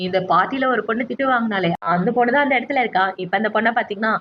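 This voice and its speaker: A woman narrating a drama recap as a story, briskly retelling each scene and speaking the characters' lines herself. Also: fairly high pitch, no echo, highs cut off.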